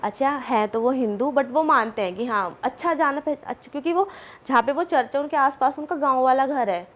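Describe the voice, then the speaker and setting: Chatty woman with a higher voice. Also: brisk. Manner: chatty, animated, full of asides and fillers. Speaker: podcast guest. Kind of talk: casual storytelling.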